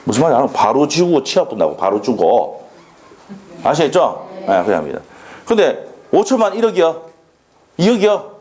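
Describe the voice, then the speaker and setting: Lively male law lecturer. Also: a little high. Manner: animated, drills students with quick questions. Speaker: law exam instructor. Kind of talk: classroom lecture. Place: lecture classroom.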